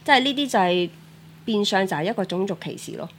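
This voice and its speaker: A woman's voice: medium pitch, animated, fast, a little hiss or hum. A woman, chatting casually and explaining things to the group. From Malaysia. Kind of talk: casual chat, explaining life back home.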